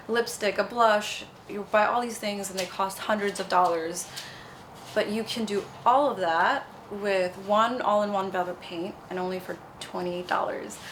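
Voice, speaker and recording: A woman's voice: medium pitch, a bit bright, slight background noise. A young woman from Nepal, a cosmetics founder, answering interview questions in a bubbly, chatty way. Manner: bubbly, chatty, fond of fillers like "you know".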